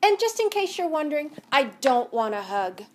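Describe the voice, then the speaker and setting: Woman doing a cranky storybook cactus, loud, high, short-tempered. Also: animated, slow pace. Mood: grumpy. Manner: shouting, gruff. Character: grumpy prickly male cactus who yells. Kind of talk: children's storybook read-aloud. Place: home, by a fireplace.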